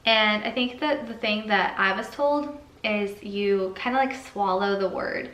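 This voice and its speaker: A woman's voice: mid-range voice, a little slow, a bit bright, reverberant, low-quality recording. A woman talking casually as she cooks and tastes food in her home kitchen for a cooking vlog, chatty and full of "um" and "like". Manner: chatty, many fillers like "um" and "like". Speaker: cooking vlogger.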